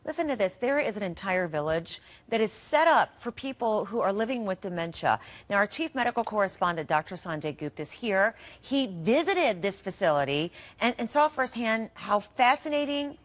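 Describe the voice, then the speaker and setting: A woman's voice: medium pitch, animated, moderate pace, hardly any pauses. A woman in her forties anchoring a morning news show, asking curious prompting questions in a studio, on a lapel mic.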